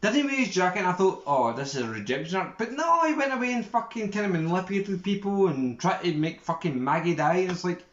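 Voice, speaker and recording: A man co-hosting a podcast in casual chat, animated and sweary, often talking over his co-host. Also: high voice, fast talker, few pauses. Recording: dull echoey room recording.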